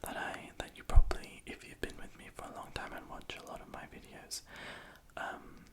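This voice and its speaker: A young adult speaking in a soft, breathy, unvoiced whisper, rambling hesitantly and self-deprecatingly to the viewer in an ASMR style. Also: moderate pace. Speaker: ASMR video creator. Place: small room in a house at night.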